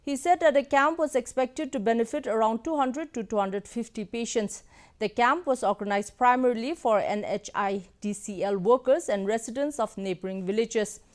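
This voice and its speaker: High-voiced woman reading news. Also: normal speed. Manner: formal. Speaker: news anchor.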